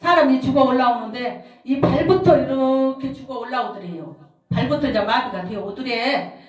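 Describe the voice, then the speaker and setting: A woman's voice: high voice, moderate pace. A middle-aged woman, a pastor's wife, preaching a sermon and telling a personal testimony, repeating phrases for emphasis. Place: prayer house service hall. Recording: roomy hall, distant mic.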